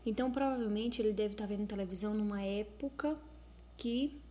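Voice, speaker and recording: A woman teacher reading out school exercises and explaining the answers slowly, syllable by syllable. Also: medium pitch, dark tone, a little hiss or hum. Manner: slow, explanatory, spells out syllables.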